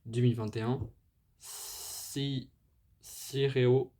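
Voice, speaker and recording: Very slow and mellow, his mid-range voice barely moves in pitch. He hosts a music channel, presenting a band's history casually and enthusiastically, though hesitantly, with many fillers and restarts and apologies when foreign names trip him.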